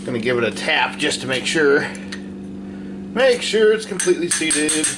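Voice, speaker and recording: A man hosting a hands-on repair video gives casual, folksy how-to commentary, talking himself through each step as he works in a hot shop. His voice is on the high side at normal speed, heard over music, with a running fan and steady hum constantly behind him.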